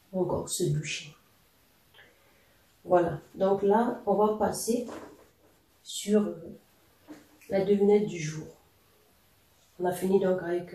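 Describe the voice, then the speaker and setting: A language teacher giving a patient, explanatory lesson, often pausing on fillers while spelling out words and examples. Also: medium pitch, creaky, mellow, distant mic. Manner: patient, hesitant with frequent fillers. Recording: echoey room, voice a little off-mic.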